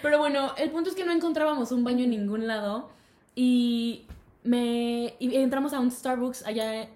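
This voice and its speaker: Young woman, Mexican accent, fairly high voice, giggly storyteller, echoey room. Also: moderate pace, darkish tone. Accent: Mexican Spanish. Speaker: podcast co-host. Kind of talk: casual chat.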